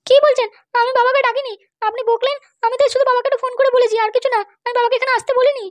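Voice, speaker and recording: An indignant young wife in a cartoon who complains shrilly to her father, as a woman puts her on. Her voice is very high and rushed. The sound is dry. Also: steady tone, dry recording. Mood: upset. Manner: whiny, indignant.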